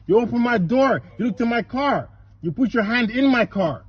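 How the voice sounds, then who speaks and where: A man's voice: extremely high pitch, lively intonation, normal speed, breathy edge, dry recording, rough recording. A man, a driver in a car at night, arguing with police and repeating the same question over and over, raising his voice. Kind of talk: heated roadside argument.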